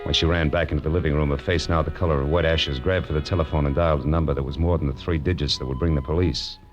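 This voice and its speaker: An actor with a very deep voice plays a wry, tough-talking American private detective, narrating his case quickly and steadily in the style of 1940s radio drama, with a wry, tense mood. The vintage radio recording has music underneath and cut-off highs.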